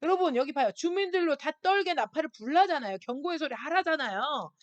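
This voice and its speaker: A middle-aged woman pastor preaching a sermon to a youth group, emphatic and expressive, sometimes dropping to a soft near-whisper. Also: high-pitched, quick pace, dry recording, lo-fi sound. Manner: lively and emphatic, acting out voices of worried listeners.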